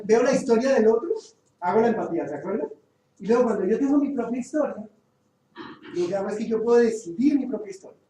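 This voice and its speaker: A man's voice: high voice, dark tone. A man leading a group training session, questioning the group and stressing his key points. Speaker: workshop trainer. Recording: echoey room, far from the mic, faint hiss.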